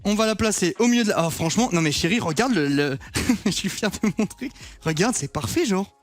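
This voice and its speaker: With faint music in the background, a young streamer talks casually to his audience while cooking at home, letting a curse slip now and then. He speaks fairly quickly in a high, expressive voice.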